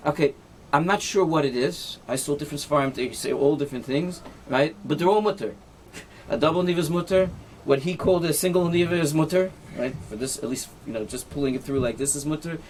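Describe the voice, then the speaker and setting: A man's voice: on the high side, quick pace, hardly any pauses, a little hiss or hum. A man, a rabbi, teaching an informal halacha class, explaining and demonstrating knots step by step, checking with "right?" and mixing in Hebrew and Yiddish terms. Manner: demonstrates knots with his hands while talking.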